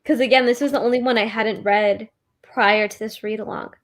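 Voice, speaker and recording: A young woman joins a casual book chat as co-host. She sounds sleepy and easygoing and laughs often. Her voice sits a little high. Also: fairly quick. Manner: sleepy, relaxed, laughs easily.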